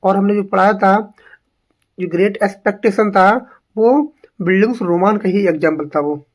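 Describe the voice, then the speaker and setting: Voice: medium pitch, moderate pace. An English teacher giving an exam-prep lesson, drilling each word by repeating it and asking rhetorical questions.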